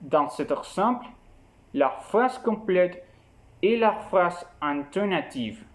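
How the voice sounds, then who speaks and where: A man narrating a scripted lesson in a slow, measured, explanatory way. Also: high voice, expressive. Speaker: teacher.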